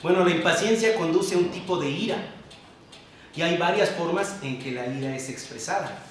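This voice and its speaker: A male pastor preaching a sermon, emphatic, with sudden drops to a low hush. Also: slight background noise. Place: church sanctuary. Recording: very echoey church hall, mic far off.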